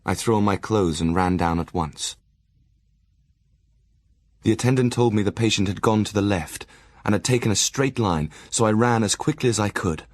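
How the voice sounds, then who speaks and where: A man acts a conscientious Victorian doctor in an audio drama, setting down his diary and letters. His voice is fairly low, with a formal, measured delivery. The recording is dry and close. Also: dry recording, close to an everyday voice. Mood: urgent, grave. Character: Dr Seward, serious, conscientious Victorian asylum doctor.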